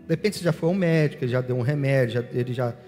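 A pastor preaching a sermon and leading the congregation in prayer, voicing the prayers aloud himself. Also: male voice, medium pitch, rapid-fire, a little mellow, big-room sound, soft background music.

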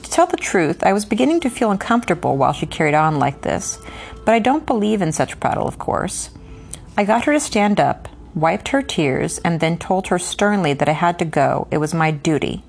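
A woman's voice: fairly low pitch, very animated, moderate pace, creaky, husky. A woman reading a novel aloud in first person and then talking it over in a hesitant, filler-laden way. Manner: hesitant in commentary, many fillers. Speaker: reader and book commentator.

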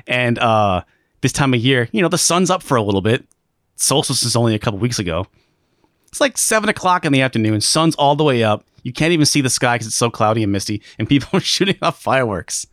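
A man's voice: mid-range voice, big pitch swings, fast, a bit bright, no echo, studio quality. A man co-hosting a live stream, chatting casually in rambling, joking rants full of fillers. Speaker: stream co-host. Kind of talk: casual chat.

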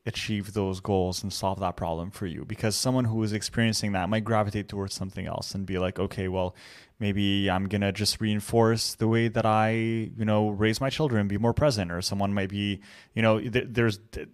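Casting: conversational male host, slightly low voice, long probing questions. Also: steady tone, normal speed. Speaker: podcast host. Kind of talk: conversational interviewing.

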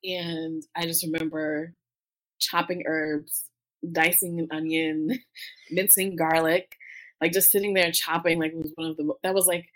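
Woman, low voice, tearful, choked up, halting speech, lots of fillers, interview guest. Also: level tone, a bit bright, poor audio. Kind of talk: personal interview storytelling.

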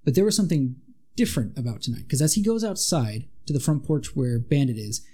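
Mellow-voiced man telling a spooky tale. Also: medium pitch, a little fast. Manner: animated, dramatic retelling with asides. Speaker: podcast co-host. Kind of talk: casual storytelling chat.

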